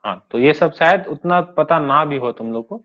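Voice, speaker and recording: A man's voice: a little high, normal speed. Man teaching grammar in a lo-fi recording. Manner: explains step by step, checks understanding often. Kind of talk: classroom grammar lesson. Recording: dull lo-fi recording.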